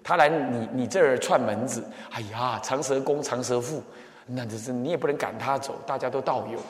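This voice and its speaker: A man giving a Buddhist dharma talk as temple abbot, animated, acting out little scenes and sometimes dropping to soft murmured chanting. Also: medium pitch, brisk. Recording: echoey hall with long reverb.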